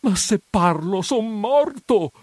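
A man reading aloud voices a timid, frightened middle-aged village priest who pleads in a high, quavering voice and drags out his words. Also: expressive, slow pace, dry recording, exaggerated voice. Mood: terrified pleading.

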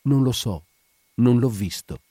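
A man voicing a frightened, wounded young woman who cries out in a shrill, pleading voice. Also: expressive, measured pace, mellow, slightly rough, no room sound, clean studio sound. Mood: faint, evasive.

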